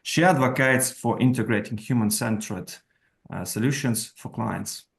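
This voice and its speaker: A man's voice: mid-range voice, moderate pace, vocal fry. A man hosting an interview, introducing the guest and asking questions, with some hesitant fillers. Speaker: host.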